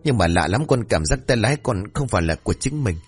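A man's voice: lowish voice, expressive, fast talker, husky, soft background music. A man voicing a terrified young son, injured and haunted, telling his parents what he saw in a trembling, pleading voice.

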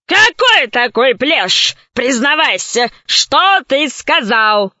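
A woman voicing a menacing one-eyed female alien gorilla who growls out her words slowly. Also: sits high, sing-song, pushed and bright, no room sound, muffled recording, exaggerated voice.

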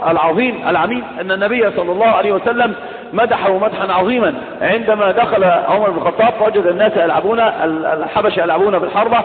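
A man's voice: high voice, quick pace. A man with an Egyptian accent giving a religious lesson to students, questioning the class and mixing classical with colloquial Arabic. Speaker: religious teacher. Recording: echoey hall, tinny lo-fi sound.

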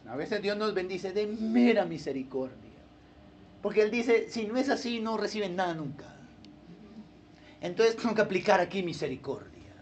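Animated high-voiced preaching man. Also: normal speed, a little hiss or hum. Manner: animated, acts out churchgoers in funny voices. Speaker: pastor. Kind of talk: sermon.

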